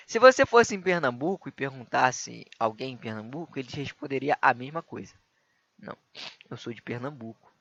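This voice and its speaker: Man, Brazilian Portuguese accent, history lesson, fairly high voice, dry and dull sound. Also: bright, forceful tone, dry recording. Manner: explanatory, rhetorical questions, frequent "tá?" and "né?" tags. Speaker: history teacher. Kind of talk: recorded lesson for exam prep.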